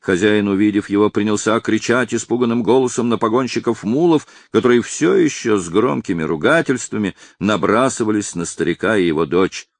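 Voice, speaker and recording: A man narrating a historical novel in a steady, measured reading. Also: lowish voice, dry recording. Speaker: audiobook narrator. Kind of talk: scripted narration.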